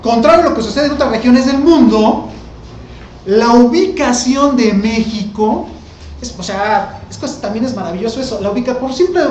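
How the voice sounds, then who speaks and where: A man's voice: extremely high pitch, a little mellow, echoey room, highs cut off, slight background noise. A male teacher, giving a casual classroom lecture full of rhetorical questions to the class.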